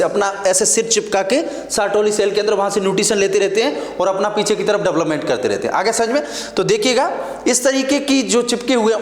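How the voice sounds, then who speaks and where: A man teaching a nursing exam class, lecturing at the board and drilling terms by asking and answering his own questions. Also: sits high. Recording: echoey classroom.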